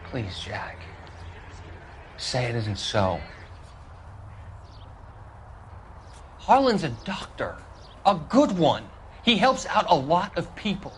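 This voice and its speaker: A man's voice: fairly high pitch, sing-song, slow pace, fairly bright tone, a little hiss or hum, heavily acted. A man playing a nervous, defensive American suspect who pleads naively, in a dramatic video game. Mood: pleading.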